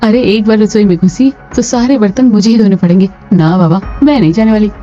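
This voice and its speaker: A woman voicing a lazy, defiant young daughter-in-law in a cartoon, with sharp retorts. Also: mid-range voice, brisk, lightly acted. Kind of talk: cartoon voice acting. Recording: lo-fi with soft music.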